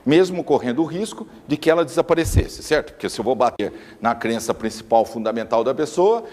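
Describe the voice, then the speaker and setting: Male lecturer, lively pitch, insistent and repetitive delivery, reverberant hall. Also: fairly quick. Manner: emphatic, repeats words for stress.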